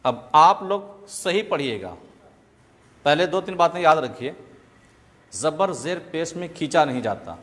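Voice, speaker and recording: A man teaching Quran reading to a class, drilling sounds patiently with call-and-response. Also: on the high side. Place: classroom with students. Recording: echoey room with loud background noise.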